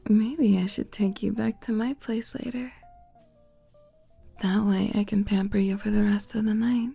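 A woman performing an ASMR role-play as a doting, flirty, motherly woman, intimate and close as if right in the listener's ear, coaxing softly. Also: medium pitch, fairly even intonation, gravelly, husky, faint music behind. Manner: slow, coaxing, soft giggles.

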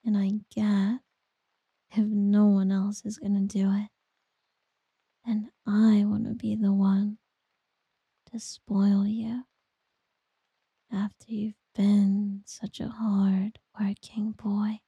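Slow breathy whispering woman. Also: medium pitch, level tone, no room sound, lo-fi sound. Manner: soft, teasing, doting whisper. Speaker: ASMR roleplayer. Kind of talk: whispered ASMR girlfriend roleplay.

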